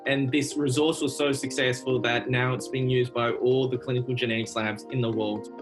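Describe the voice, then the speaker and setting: A man's voice: medium pitch, flat delivery, moderate pace, music in the background. A man, a genetics researcher, speaking matter-of-factly in a video testimonial.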